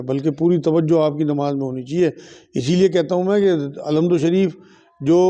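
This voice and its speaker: A man from India speaks as an Islamic scholar in a religious question and answer session. He repeats each question aloud, then gives a firm, steady ruling in a fairly high but mellow voice. The recording sounds dull and lo-fi.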